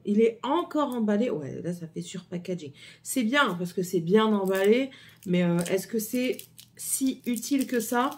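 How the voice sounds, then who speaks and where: A woman's voice: medium pitch, lively intonation, normal speed, a little mellow. A middle-aged woman with a French accent, chatting casually through a haul video with many hesitations and repeats. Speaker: vlogger.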